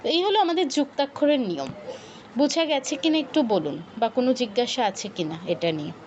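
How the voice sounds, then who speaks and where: A woman's voice: high-pitched, sing-song, fast, a little mellow, muffled recording, slight background noise. A woman teaching an online workshop, explaining rules patiently, repeating key points and checking that her students follow.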